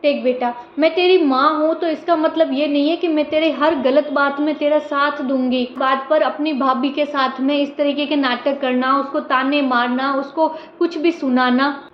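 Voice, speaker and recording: A woman playing a gentle, fair-minded older mother who talks softly and reasons calmly, in a home-made family drama skit recorded in a roomy room. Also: high voice, normal speed, faint music behind, close to an everyday voice. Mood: reasoning. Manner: soft, patient, calmly reasoning. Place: indoors at home. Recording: roomy, dull lo-fi sound.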